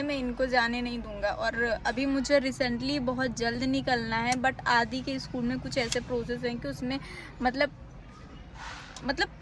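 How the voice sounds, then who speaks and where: A woman chatting casually to her viewers in a family vlog, talking warmly about her children. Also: sits high. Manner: bright, chatty, talks to child in cooing tones. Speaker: vlogger and mother.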